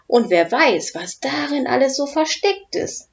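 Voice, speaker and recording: A woman's voice: high voice, sing-song, unhurried, creaky, muffled recording, voice pushed up, heavily acted. A woman voicing an eager young boy dragon who likes to protest, in a storybook reading.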